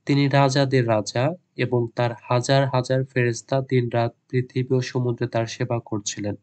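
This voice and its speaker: A male teacher with a slow, flat, medium-pitched voice that sounds clear and resonant. In an exam lesson, he reads out English answers one word at a time and then explains them rapidly in Bengali.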